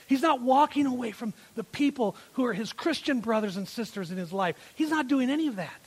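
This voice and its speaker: A man preaching a sermon as pastor, emphatic, repeating phrases and swinging from loud to quiet. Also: very high-pitched, animated, brisk, breathy edge. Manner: emphatic, repeats phrases, rises and drops in volume.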